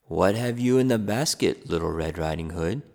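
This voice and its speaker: A man reading a storybook aloud, voicing a big wicked male wolf with a gruff, sly manner. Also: low voice, expressive, normal speed, a little mellow, in a large hall, voice pushed down.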